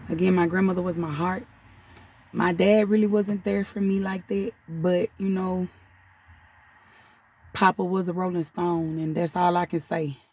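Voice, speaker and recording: A woman's voice: fairly low pitch, steady tone, normal speed, mellow, husky, recorded from a distance. A woman in her thirties telling her life story in a casual, heartfelt vlog, holding back tears and often calling her viewers "y'all". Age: 30s. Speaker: spiritual channel host. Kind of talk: personal confessional vlog.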